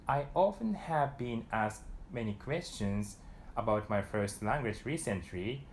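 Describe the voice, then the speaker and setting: This language teacher, a young man from Japan, speaks with a Japanese accent and a fairly low voice as he calmly presents a scripted lesson on camera. His Japanese sample phrases come out quicker and louder than the rest. The sound, captured by a lapel mic in a small room, carries slight hiss or hum.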